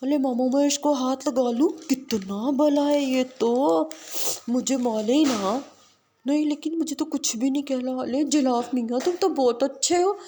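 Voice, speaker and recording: A woman's voice: sits high, unhurried, warm tone, a little hiss or hum, voice pushed up. A woman voicing a timid tiny doll child who speaks in lisping baby talk. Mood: delighted.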